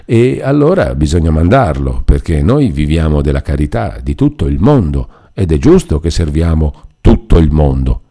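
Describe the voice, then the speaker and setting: A man's voice: rumbling low, big pitch swings, moderate pace, hardly any pauses, warm tone, slightly rough, exaggerated voice. A man reading aloud and voicing a chatty, self-important older male friar who explains at length. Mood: garrulous. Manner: garrulous, explaining, reassuring.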